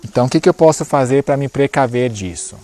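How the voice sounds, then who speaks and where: A man's voice: medium pitch, fast talker, mellow. A man giving a church conference lecture, explaining points and checking in often with short asides. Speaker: conference speaker.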